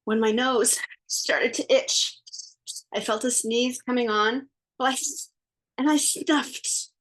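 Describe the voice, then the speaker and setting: A woman reading a picture book aloud, narrating in first person as the wolf, playful and theatrical with sound effects and drawn-out words. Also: fairly high pitch. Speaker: storybook reader.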